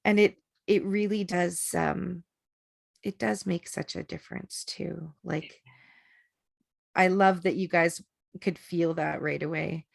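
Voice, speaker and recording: A woman's voice: lowish voice, fairly even intonation, slow pace, vocal fry. A woman teaching an online energy work class, chatty and rambling with many fillers, over a video call. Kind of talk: casual online class talk.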